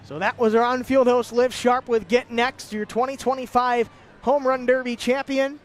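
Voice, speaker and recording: A man calling a celebrity softball game and home run derby live as play-by-play announcer, with lively calls and chatty asides. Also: very high voice, moderate pace. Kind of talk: live sports commentary.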